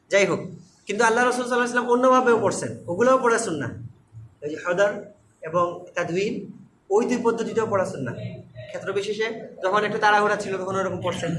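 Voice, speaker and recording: A man teaching Quran recitation, chanting examples slowly and drilling each syllable with patient corrections. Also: high voice, fairly bright tone, reverberant, a little hiss or hum, low-quality recording. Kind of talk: one-on-one recitation lesson.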